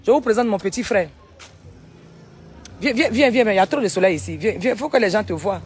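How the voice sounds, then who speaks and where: A woman, vlogging casually from a sunny village outdoors on a handheld phone, animated and talkative, firing back at critics. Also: mid-range voice, a little fast, breathy edge. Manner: animated, chatty, retorts to critics. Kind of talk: casual vlog tour.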